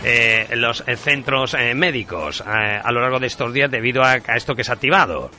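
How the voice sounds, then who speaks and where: A radio host making a live prank call, posing as an official and insistently repeating himself. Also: male voice, mid-range voice, brisk, sharp tone, slight background noise.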